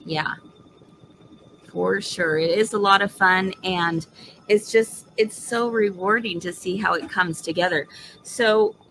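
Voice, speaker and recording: A woman's voice: medium pitch, slow pace, fairly bright tone, a little hiss or hum, rough recording. A woman chatting casually and enthusiastically like a home shopping host during a live craft demonstration, checking in with her viewers. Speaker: host of a live embroidery demonstration and sales show.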